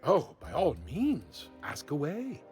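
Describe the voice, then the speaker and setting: A man's voice: high voice, very animated, slow, a little mellow, soft background music, exaggerated voice. An actor playing a haughty, refined male bartender who looks down on tending bar. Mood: snooty. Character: snooty aristocratic male bartender.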